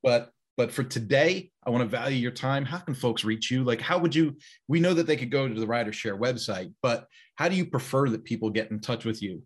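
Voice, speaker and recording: Male podcast host, casual interview chat, easygoing talk, middle pitch. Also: brisk, husky. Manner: chatty, laughing, plugs the guest.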